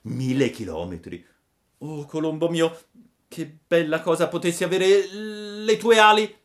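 Pinocchio, a wailing puppet boy. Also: unhurried. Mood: anxious pleading. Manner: wailing, stammering, high and loud. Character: sobbing wooden puppet boy, desperate and pleading. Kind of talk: storybook reading.

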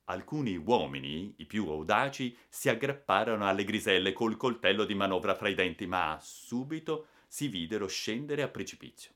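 Brief: male audiobook narrator, lively and dramatic delivery, crisp bright tone. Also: on the low side, moderate pace, few pauses. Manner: vivid, expressive storytelling.

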